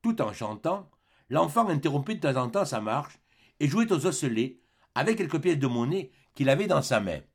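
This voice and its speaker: A man reading a classic novel aloud as an audiobook narrator, with an expressive, dramatic delivery. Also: fairly high pitch, normal speed, slightly rough. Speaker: audiobook reader. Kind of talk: scripted narration.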